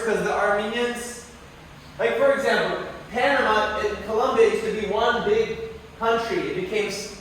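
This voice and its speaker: High-pitched and a bit bright, this New York-area American visits a university classroom and talks in a rambling, chatty way, correcting himself, using many fillers and asking students questions. The room echoes, the mic is distant and faint noise sits underneath.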